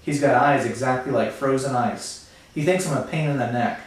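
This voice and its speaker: A man's voice: mid-range voice, moderate pace, lightly acted. A man reading aloud as a hurt teenage boy who speaks in a bitter, earnest way. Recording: very echoey room, far from mic.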